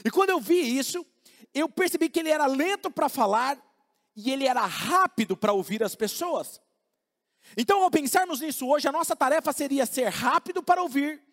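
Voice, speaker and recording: A man with a strikingly high voice delivers a casual, humorous sermon, acting out short everyday exchanges as he goes. His delivery swings up and down with animated energy. The sound carries a long reverb, as if filling a large church hall. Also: normal speed. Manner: humorous, acts out little dialogues. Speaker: preacher. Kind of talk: conversational sermon.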